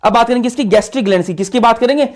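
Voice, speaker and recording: A man's voice: extremely high pitch, racing. A man teaching biology for an exam. He asks a question, then repeats the answer, and drills the class with call-and-response questions. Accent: Hindi-speaking north Indian. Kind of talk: exam-prep lecture over a diagram.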